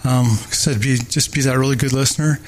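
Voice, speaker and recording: An older Barbadian man running for mayor answers interview questions in a steady, mid-range voice, with plenty of pauses, fillers and restarts.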